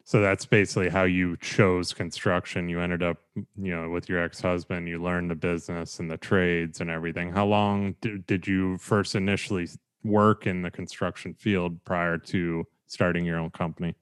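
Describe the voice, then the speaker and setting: A man's voice: deep voice, little pitch movement, moderate pace, smooth. A man hosting a podcast interview, talking in a rambling, friendly way with lots of fillers. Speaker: podcast host. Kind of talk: casual interview.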